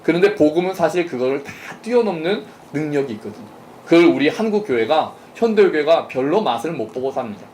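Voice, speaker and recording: Lively-voiced pastor preaching conversationally. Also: male voice, on the high side, a little fast, a little hiss or hum. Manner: conversational, asks the congregation questions and jokes. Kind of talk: interactive sermon. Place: church service.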